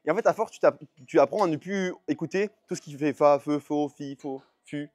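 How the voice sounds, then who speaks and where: Fairly high-pitched yet darkish in tone, a young man speaks briskly in his casual gym vlog as a powerlifting vlogger. He's tired after a lengthy training session, and his chatter meanders with frequent self-corrections.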